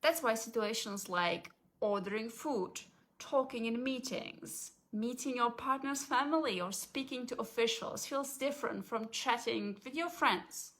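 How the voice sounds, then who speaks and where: Her voice a little above typical pitch, this language confidence coach keeps a calm, steady delivery. Point by point, she guides listeners through what sounds like a scripted explainer.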